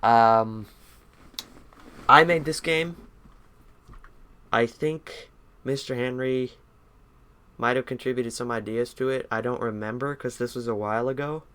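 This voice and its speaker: A man's voice: medium pitch, unhurried, long pauses, fairly bright tone, smooth. A young man streaming a game, chatting casually in a rambling, self-deprecating way.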